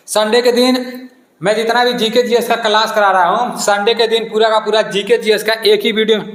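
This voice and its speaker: Running a quiz for exam students, a man repeats every question and then supplies its answer. The voice sits high with a slightly bright quality, and the room is echoey.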